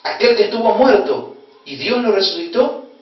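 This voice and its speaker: A man pastor with an Argentine accent from Corrientes, preaching a sermon and telling a story with emotional swings between loud exclamation and hushed tones. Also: sits high, big pitch swings, normal speed. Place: church hall. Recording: very echoey hall, distant dull mic.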